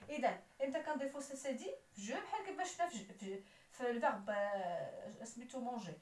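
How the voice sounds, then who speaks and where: Moroccan lady teacher, high bouncy voice, talks fast, roomy echo. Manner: lively, spells out letters and endings. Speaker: French teacher. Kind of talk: explaining a grammar lesson. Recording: roomy echo, voice somewhat far from the mic.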